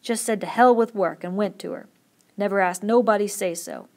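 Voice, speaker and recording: A woman voicing an old crippled ranch hand who pleads in a rural drawl, his voice climbing high. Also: lively intonation, normal speed. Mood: sorrowful.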